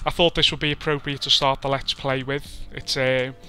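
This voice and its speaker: Soft background music plays as a Scouse gaming commentator from Liverpool talks through a football game in relaxed let's-play style. He's chatty and pokes fun at himself, speaking at a normal speed with a medium pitch, little pitch variation, and a sharp tone.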